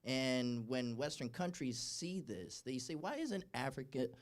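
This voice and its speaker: A man's voice: medium pitch, very animated, measured pace. Hesitant man asking a question from the floor. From Uganda. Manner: hesitant, many fillers and restarts. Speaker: audience member asking a question. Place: town hall event, indoors.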